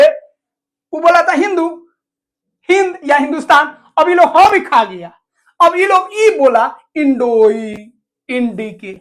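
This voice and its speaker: High-voiced woman teaching a class. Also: fairly bright tone. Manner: repetitive, asks questions then answers them herself. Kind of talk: classroom lesson explaining to students.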